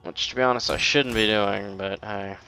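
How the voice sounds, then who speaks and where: A man's voice: fairly low pitch, steady tone, normal speed, bright, forceful tone, faint music behind. A man giving casual, rambling commentary over a video game, swearing often and mocking himself. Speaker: let's play gamer.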